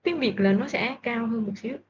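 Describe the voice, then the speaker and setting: A woman with a slightly high voice, chatting politely and warmly as a podcast guest. She teases lightly now and then. The recording is lo-fi and dull, with faint background noise. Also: brisk. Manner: polite, friendly, teasing. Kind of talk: casual chat.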